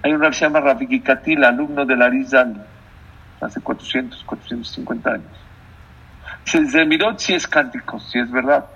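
A man's voice: mid-range voice, normal speed, bright, forceful tone, slightly rough. A man giving a sermon as a rabbi, emphatic, repeating phrases and putting questions to his listeners, on a dull lo-fi recording. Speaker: rabbi, religious teacher.

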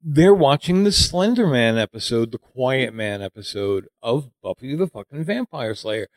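A man's voice: medium pitch, animated, moderate pace, no echo. A man co-hosting a casual movie review chat, rambling and critical with lots of fillers.

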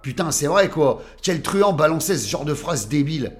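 A man's voice: fairly high pitch, lively intonation, normal speed, faint music behind. A man narrating a scripted detective story in a wry tone with coarse slang.

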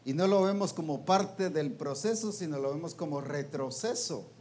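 A man preaching to a room of ministers, his voice pitched a little high for a man. He keeps tossing questions to his listeners and tags his sentences with casual fillers, all over a faint background hiss. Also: normal speed, a little mellow. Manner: colloquial, trailing "pues" and "¿va?". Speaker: preacher teaching a ministers' meeting. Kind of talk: interactive sermon.

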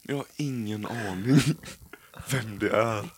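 Young man, low voice, mumbly, casual podcast chat. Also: slightly rough. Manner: mumbly, short replies. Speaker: podcast co-host.

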